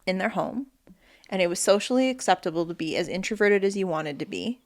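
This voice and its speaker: A woman's voice: lively intonation, a little fast. A young woman co-hosting a podcast in casual, comedic chat, irreverent and sweary as she riffs. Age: young adult. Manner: sweary, irreverent, riffing in mock pitches. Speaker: podcast co-host.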